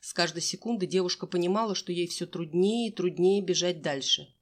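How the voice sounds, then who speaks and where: A woman's voice: fairly low pitch, a little fast. A woman reading a young-adult novel aloud as narrator, giving each character a voice of her own. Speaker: audiobook narrator. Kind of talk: audiobook reading with acted dialogue.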